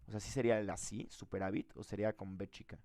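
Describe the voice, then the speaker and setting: A man's voice: on the low side, flat delivery, quick pace, mellow, no echo. A man teaching a live programming class, thinking aloud and asking the students questions.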